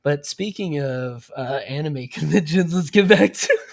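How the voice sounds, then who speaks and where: A man's voice: on the high side, expressive, unhurried, vocal fry, no room sound. A man with a slightly raised voice chats casually on a podcast, rambling through stories full of fillers and breaking into laughter often. The sound is dry and close, with almost no room around it. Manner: laughs often, loose storytelling with many fillers. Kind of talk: casual chat. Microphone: close studio mic.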